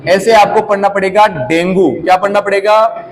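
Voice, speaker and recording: A man's voice: high-pitched, fairly even intonation, moderate pace, a crowd in the background, low-quality recording. A man teaching a competition exam class, quizzing students and having them repeat key terms back to him. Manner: quizzes the class with repeated call-and-response prompts. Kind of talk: classroom lecture.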